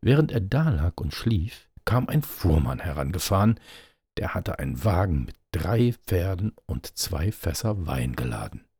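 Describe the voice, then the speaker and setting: A man reading a fairy tale aloud in a steady storytelling manner. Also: deep voice, measured pace, breathy edge, no room sound. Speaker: narrator.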